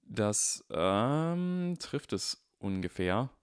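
A man voicing a calm, clever young wizard boy who talks politely with dry wit. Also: lowish voice, extremely slow, clean tone, no room sound, voice pushed up, heavily acted. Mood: musing.

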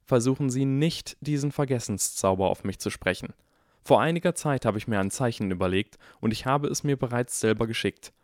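A man's voice: fairly low pitch, animated, normal speed, darkish tone, dry recording, clean studio sound, close to an everyday voice. A man voicing a clever eleven-year-old boy who talks in a cold, icy and precise way in an audiobook. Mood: calm warning.

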